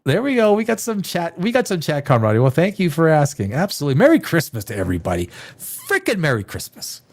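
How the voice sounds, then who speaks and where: Talking fast in a fairly high voice with wildly swooping pitch, a livestream host chats casually with viewers and reads their comments. He rambles, repeats himself, and sounds stuffed up from a cold.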